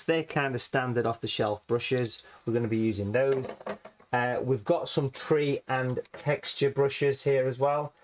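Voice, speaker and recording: A man teaching watercolour painting in a chatty, friendly way, his voice a little hoarse and rusty from hay fever. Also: mid-range voice. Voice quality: rusty, slightly raspy. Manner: chatty, friendly, calls viewers folks. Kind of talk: casual painting tutorial.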